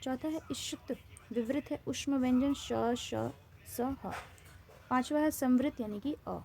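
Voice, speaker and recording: A woman's voice: high voice, slow, mellow. A woman Hindi grammar teacher with an Indian accent, giving a classroom-style lesson in which she poses questions and then answers them, repeating key terms.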